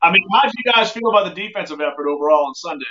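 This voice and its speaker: A man's voice: a little high, expressive, racing, pushed and bright. A man co-hosting a casual sports talk show. He comes through a robotic, tunnel-like phone connection and talks eagerly, often restarting his sentences. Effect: robotic, tunnel-like phone-call audio. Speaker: sports podcast co-host. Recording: thin lo-fi phone line.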